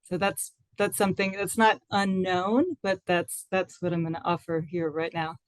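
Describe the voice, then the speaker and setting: A woman's voice: lowish voice, flat delivery, normal speed, no echo, rough recording. A woman in her forties from the United States, speaking as an interview guest in a casual, thoughtful way, with frequent fillers and restarts.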